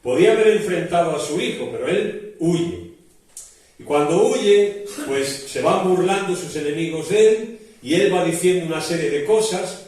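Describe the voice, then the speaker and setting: A man's voice: fairly high pitch, animated, moderate pace, darkish tone. A male pastor preaching a sermon, explaining with frequent restarts and rhetorical questions. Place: church. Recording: very echoey church hall from a distance.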